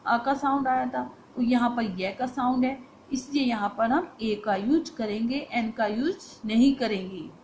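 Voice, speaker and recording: A woman teacher explains a grammar lesson to students. She poses questions and answers them herself, and says the phrases slowly and with stress. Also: on the high side, darkish tone, slight background noise, low-quality recording.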